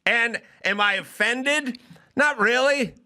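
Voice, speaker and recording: A man's voice: extremely high pitch, slow pace, sharp tone. A middle-aged man hosting a podcast, delivering an opinionated comedic rant and acting out both sides of imagined exchanges. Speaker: podcast host.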